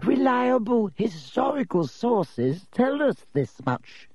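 A man voicing an old male ghost history professor with a dry, reedy voice and a slow, pedantic, dismissive way of lecturing. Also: very high-pitched, big pitch swings, darkish tone, husky, dry recording, lo-fi sound, voice pushed up, heavily acted.

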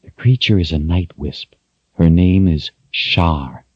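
A man voicing a young woman who speaks calmly and formally, lifting his pitch a little. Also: slow, slightly rough, no echo, lo-fi sound, full character voice. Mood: solemn. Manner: calm, formal. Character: steady, solemn young woman traveler.

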